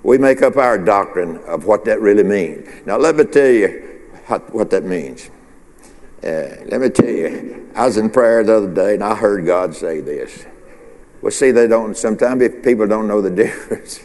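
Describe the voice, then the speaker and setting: In a church sanctuary with long hall reverb, a male pastor preaches a loose, conversational midweek sermon. His fairly low, darkish voice is animated and moves at a moderate pace, full of restarts and call-and-response questions to his listeners.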